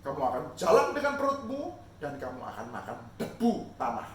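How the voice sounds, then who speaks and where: A man doing a stern, booming God. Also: wildly swooping pitch, a little fast, fairly bright tone, slight background noise. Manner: solemn, proclaiming. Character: stern, commanding God passing judgment. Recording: echoey room, mic far off.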